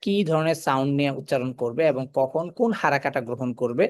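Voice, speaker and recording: A man teaching a Quran recitation class. He explains the rules step by step, asks questions and answers them himself, and slows down to recite example verses. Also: medium pitch. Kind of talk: recorded recitation lesson.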